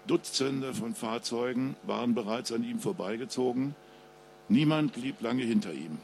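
Male author at a live reading, gravelly voice, mid pitch, steady narration. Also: moderate pace, a little hiss or hum. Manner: chatty asides to the audience before reading. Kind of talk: reading his crime novel aloud at a live reading. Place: public book reading with audience.

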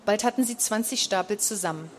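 A woman's voice: medium pitch, fairly quick, slight background noise. A woman reading a children's story aloud, giving the characters light voices of their own. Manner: reads dialogue with light voice changes, occasional fillers.

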